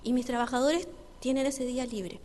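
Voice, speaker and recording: Eager, grateful businessman, as a woman pastor voices him, higher and louder, in a reverberant church. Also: normal speed, a little hiss or hum, natural voice. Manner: brighter, louder, more animated than her narration. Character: male restaurant owner, eager, grateful, sincere. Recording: reverberant church hall with faint ambience.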